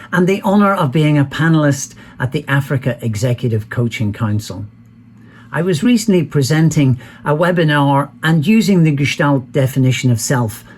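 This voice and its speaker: An older man, an executive coach, giving a measured, formal message of support. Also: medium pitch, darkish tone. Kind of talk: prepared video message.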